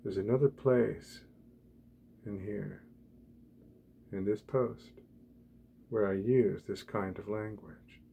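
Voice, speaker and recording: A man speaking softly and quietly as if at night, reading and reflecting in halting, deliberate short phrases, ASMR style. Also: on the low side, steady tone, dull audio. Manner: quiet, hushed night-time talking. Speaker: blogger reading from own blog. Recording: clear background ambient noise.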